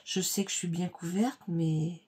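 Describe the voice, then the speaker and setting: A woman hosting a card-making tutorial at her home craft table, explaining each step in a chatty, unhurried way with many fillers. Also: on the low side, fairly even intonation, mellow, husky.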